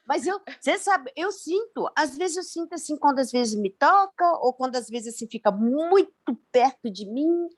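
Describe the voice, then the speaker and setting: A woman's voice: high-pitched, moderate pace, hardly any pauses. A woman in a study group, sharing her own experience and quoting herself as she tells it. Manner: lively storytelling, quoting herself.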